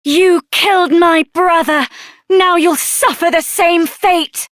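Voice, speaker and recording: Vengeful game heroine, slow delivery, dry close recording. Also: female voice, extremely high pitch, fairly even intonation, a bit bright, no room sound, exaggerated voice. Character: vengeful young heroine mourning her slain brother.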